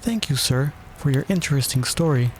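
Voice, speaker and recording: A man voicing a curious, polite little girl in a storybook, proper in speech and quick to object. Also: mid-range voice, lively intonation, slight background noise, pitched above the performer's own voice, close to an everyday voice. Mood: patient, polite. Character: polite but easily indignant curious little girl Alice. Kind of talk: storybook character voice.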